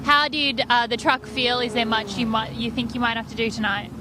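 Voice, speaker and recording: High-voiced woman reporting trackside. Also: steady tone, a little fast. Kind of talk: live sports interview. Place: outdoors at a race start-finish line. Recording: outdoor vehicle noise.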